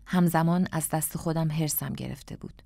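A woman narrating an audiobook in a calm, reflective storytelling manner. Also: low-pitched, gravelly, dry recording, studio quality.

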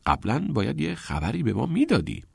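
A man's voice: mid-range voice, huge pitch swings, gravelly, a little mellow, husky, no room sound, clean studio sound, voice pushed up, heavily acted. A man doing an awkward, stammering schoolboy. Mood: amused. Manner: stammering, amused.

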